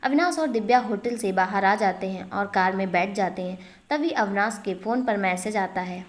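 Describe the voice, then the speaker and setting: Brief: steady woman storyteller, mid-pitched, plain even reading. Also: moderate pace. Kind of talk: storybook narration.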